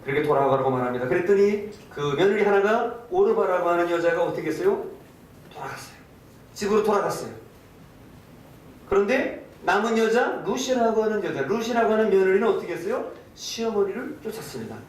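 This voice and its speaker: A man's voice: animated, brisk. A male pastor telling a story in a sermon, acting out quoted lines and asking the congregation questions. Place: church sanctuary. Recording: echoey hall, distant mic, faint rumble.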